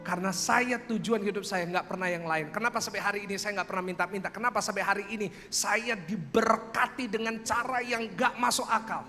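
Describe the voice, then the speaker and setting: A young man from preaching a sermon as pastor, with a lively, animated delivery that calls out to the congregation. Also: high-pitched, fairly quick, few pauses. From Indonesia. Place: large church hall. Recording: reverberant church hall with faint music.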